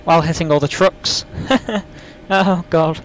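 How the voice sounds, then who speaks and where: Higher-pitched man who says w for r. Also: moderate pace, a little hiss or hum, rough recording. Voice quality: can't pronounce R's properly, says w for r. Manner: self-deprecating, rambling. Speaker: flight sim video host. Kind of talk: casual gameplay commentary.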